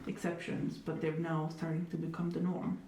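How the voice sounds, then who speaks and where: In a reflective conversational interview, a young woman from Italy talks in a deep, mellow monotone at a moderate pace. Her manner is thoughtful and heavily hedged, full of fillers, with a wry, dry humor. The audio sounds echoey and faintly noisy, captured from a distant mic.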